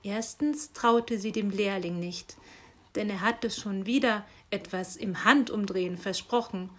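A woman reading a children's story aloud, calm and unhurried. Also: mid-range voice.

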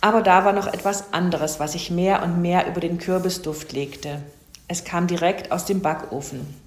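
A woman reading a children's story aloud in a calm, even manner. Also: fairly low pitch, moderate pace. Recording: roomy echo.

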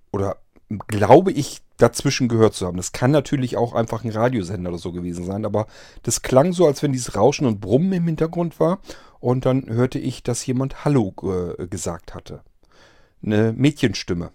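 Rambling German-speaking man, mellow dry voice. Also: fairly low pitch, moderate pace, dry recording. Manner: rambling, hesitant, many fillers and restarts. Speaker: vlogger telling of a strange event. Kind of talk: casual spoken account.

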